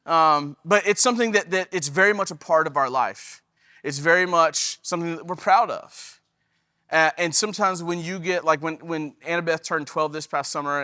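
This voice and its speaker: A man's voice: on the high side, pushed and bright, dry recording, studio quality. A man in his thirties preaching a casual, chatty sermon as pastor, with many fillers and restarts. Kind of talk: conversational sermon.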